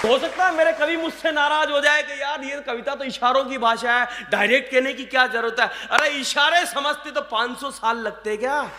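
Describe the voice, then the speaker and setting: A man's voice: very high-pitched, fairly even intonation, moderate pace, hardly any pauses, pushed and bright. A man performing live satirical stand-up as a comic poet, telling jokes to an audience. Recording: echoey hall with background noise.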